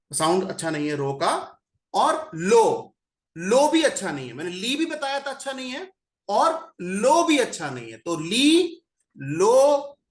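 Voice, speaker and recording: A man's voice: sits high, roomy sound. A man teaching numerology, who repeats single syllables again and again and stretches them out for emphasis. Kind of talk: explanatory lesson.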